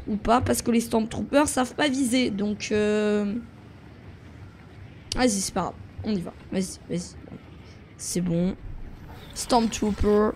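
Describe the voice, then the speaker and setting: A young man giving excitable gameplay commentary as a YouTuber, jumping between yelps and muttering to himself. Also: very high-pitched, a little hiss or hum. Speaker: gaming YouTuber.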